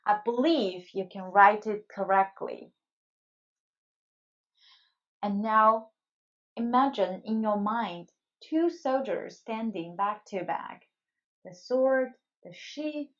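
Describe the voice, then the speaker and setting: Slow, encouraging woman language teacher. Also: medium pitch, a bit bright. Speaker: Chinese teacher. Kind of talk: scripted language lesson. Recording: dull lo-fi recording.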